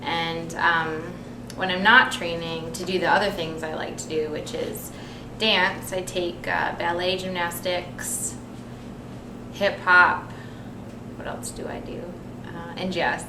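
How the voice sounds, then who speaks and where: A woman's voice: lowish voice, slow pace. A young woman chatting casually in an interview with many fillers, about her life. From United States. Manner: relaxed and chatty, many ums. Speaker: interviewee, nurse and figure athlete. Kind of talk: casual self-introduction. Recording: echoey room, mic from far off, noisy.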